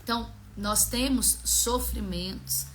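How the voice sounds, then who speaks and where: A woman's voice: a little high, takes it slowly, a bit bright, slight background noise. A woman hosting a daily Bible reading, talking about faith in an earnest, personal way and telling stories from her own life. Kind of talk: casual devotional talk.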